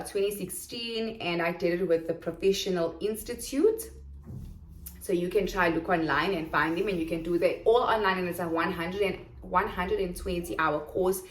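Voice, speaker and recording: A lowish-voiced woman with a Durban South African accent chats casually in a vlog about getting started as an online English coach. She frequently asks "okay?", and the room echoes.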